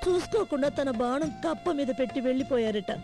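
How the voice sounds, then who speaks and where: A plaintive aggrieved wife. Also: female voice, high voice, lively intonation, fairly quick, music in the background. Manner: plaintive, lamenting. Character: aggrieved middle-aged wife, meek and plaintive. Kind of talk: film comedy scene.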